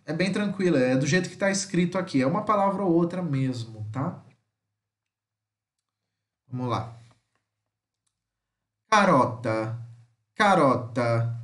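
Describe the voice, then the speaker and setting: A male teacher with a Brazilian Portuguese accent giving an online vocabulary lesson, drawing out example words slowly and checking in with his students often. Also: a little high, lively intonation. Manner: slow drawn-out model pronunciations between chatty explanations; keeps checking in with "tá?". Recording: echoey room.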